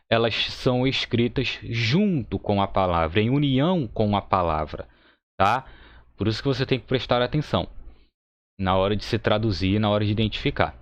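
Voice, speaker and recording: Male teacher, lowish voice, patient explainer, dry close recording. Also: no echo. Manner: explains patiently, says "tá?" often, thinks aloud with fillers. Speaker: Hebrew teacher. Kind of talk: recorded online lesson.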